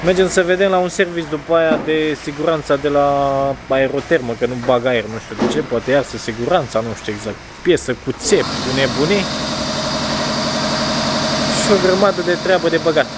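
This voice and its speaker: A man's voice: fairly high pitch, very noisy. A man in his thirties from Romania, vlogging to a camera held at arm's length, chatty and rambling with restarts as he talks to viewers. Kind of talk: casual car vlog to camera. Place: outdoors by garages, car and restaurant. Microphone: phone or camera held at arm's length.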